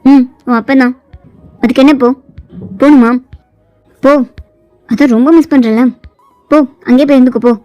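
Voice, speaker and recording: A woman's voice: high voice, fairly even intonation, moderate pace, pauses often, dry recording, muffled recording, faint music behind, lightly acted. Woman playing a harsh, scolding young man. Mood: angry. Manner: sharp and scolding. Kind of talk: fan fiction voiceover.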